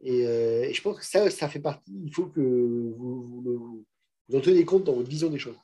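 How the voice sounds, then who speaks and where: A man's voice: medium pitch, moderate pace, dark tone, slightly rough. A middle-aged French man speaking frankly and casually to students in a master class, with many restarts and fillers. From France. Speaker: managing director and guest speaker.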